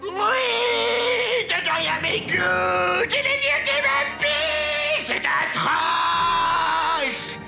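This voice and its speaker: A man playing a paranoid, bigoted cartoon villain boss, pompous and melodramatic, in a shouting voice. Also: extremely high pitch, animated, very slow, creaky, few pauses, reverberant, loud music behind the voice, heavily acted, low-quality recording. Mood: hysterical.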